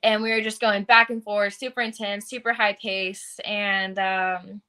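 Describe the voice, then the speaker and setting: A woman's voice: mid-range voice, flat delivery, unhurried, sharp tone, smooth. A young adult woman fighter answering interview questions in an earnest, casual way, with frequent fillers.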